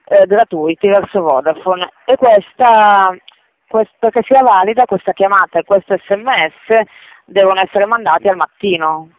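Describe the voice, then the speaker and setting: A woman's voice: mid-range voice, moderate pace. Female call centre agent: polite customer service delivery, helpful and explanatory, heard through a thin telephone line. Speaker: phone company call centre operator. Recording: tinny, phone-like line.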